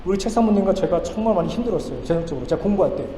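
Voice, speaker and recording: A middle-aged man preaching a sermon as pastor, swinging between loud emphatic pleas and hushed storytelling, at a pulpit mic in a church sanctuary. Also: sits high, expressive, racing. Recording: echoey church hall with faint noise.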